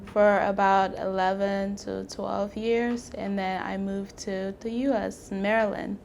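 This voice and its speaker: A young woman from Cameroon, an international college student, talking quickly in a documentary interview, laughing softly now and then. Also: medium pitch, flat delivery, gravelly, faint music behind. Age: young adult. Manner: talks fast with soft laughs.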